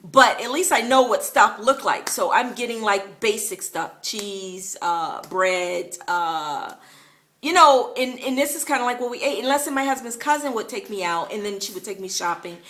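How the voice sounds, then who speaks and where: A woman vlogger with a mid-range, fairly bright voice and lively intonation talks to the camera at a normal speed. She casually recounts her early days living abroad, chatty and full of fillers, laughing now and then as she tells it.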